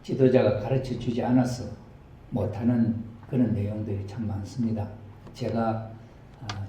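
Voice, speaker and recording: A male pastor giving a sermon lecture to his congregation, halting with many fillers and pauses. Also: lowish voice, mellow. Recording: roomy hall with faint hiss.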